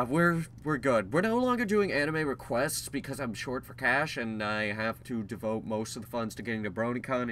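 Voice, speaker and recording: A man's voice: mid-range voice, fairly bright tone, a little hiss or hum. A young man hosting a casual vlog update, rambling with frequent ums and restarts, candid and self-deprecating. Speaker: channel host giving a news update.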